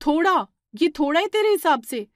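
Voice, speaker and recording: A bossy elder sister-in-law in a cartoon story, as a woman narrator puts her on. She scolds loudly and shrilly, exasperated. Her voice is high and recorded dry and close. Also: animated, fast, no echo. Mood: scolding.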